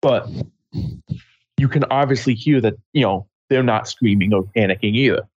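Man, husky voice, rambles and restarts, muffled lo-fi mic. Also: on the low side, darkish tone, no echo. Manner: rambling, halting, many restarts. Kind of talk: casual film discussion.

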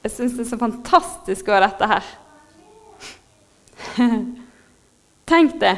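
Heartfelt woman preaching, fairly high voice. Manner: heartfelt, moved, laughs softly, pauses with fillers. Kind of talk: sermon.

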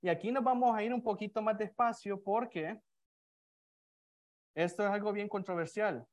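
Male preacher, slightly high voice, informal sermon delivery with many restarts. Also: steady tone, normal speed. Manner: conversational, many restarts and fillers, asks the congregation questions. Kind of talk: expository sermon. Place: church before a congregation with slides.

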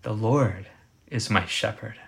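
A man preaching a sermon, measured and emphatic, slowing down to dwell on quoted scripture. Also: on the low side, vocal fry. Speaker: pastor.

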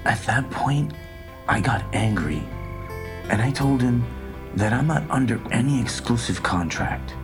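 A man in whispered role-play storytelling, recounting events in a slow, whispered first-person voice. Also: on the low side.

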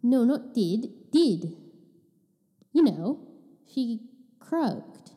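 A woman's voice: on the high side, sing-song, very slow, warm tone, big-room sound, heavily acted. A woman voicing a pushy detective with a put-on New Zealand accent, breezy and slangy. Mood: brash.

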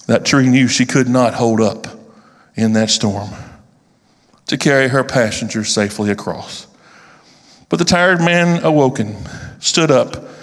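A man reading a storybook aloud, slow and with deliberate pauses. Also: mid-range voice, a bit bright. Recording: long reverb of a large hall.

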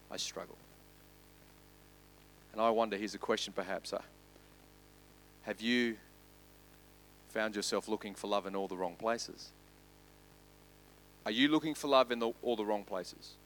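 A man pastor preaching a sermon, building loud and quick through lists and then dropping to soft, slow emphasis. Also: lowish voice, a little hiss or hum.

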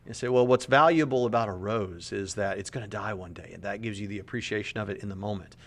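His lowish voice moves at a quick pace and carries a fairly bright tone. He's a man in his late thirties giving earnest, conversational apologetics commentary on a podcast clip, often repeating words while reasoning things out.

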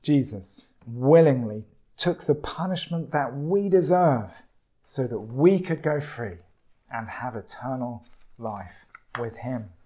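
A man preaching a sermon in a slow, deliberate way, with dramatic pauses. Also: medium pitch, lively intonation, warm tone.

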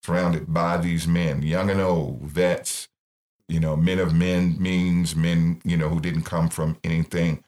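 A man's voice: sits low, level tone, unhurried, a little mellow. A middle-aged man, founder of a ministry, earnestly telling his life story in an interview and acting out the voices he quotes. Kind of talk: personal testimony in interview.

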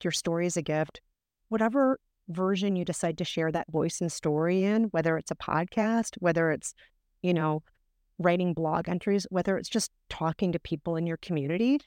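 A woman's voice: fairly low pitch, a little mellow, clean tone, no echo, studio quality. A woman podcast guest explaining things in an emphatic, encouraging way, repeating words for emphasis. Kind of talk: explanatory interview talk.

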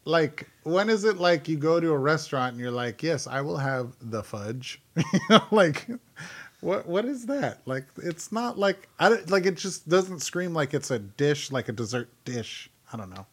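A man's voice: fairly high pitch, lively intonation, moderate pace, fairly bright tone. A young man co-hosting a casual podcast chat, teasing and laughing often. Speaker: podcast co-host.

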